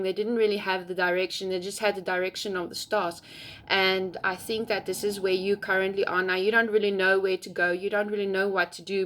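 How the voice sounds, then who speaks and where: A woman talks through a tarot reading in an unscripted, casual way. Her voice sits in a mid range, and she sounds gentle and heartfelt. She fills her pauses with soft ums as she goes. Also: mid-range voice. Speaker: tarot reader.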